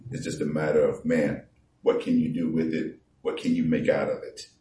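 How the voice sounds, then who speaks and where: A man's voice: rumbling low, little pitch movement, mellow, a little hiss or hum. Conversational male preacher, echoey and distant. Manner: conversational, reads scripture slowly and emphatically. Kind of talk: sermon. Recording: echoey room from far off.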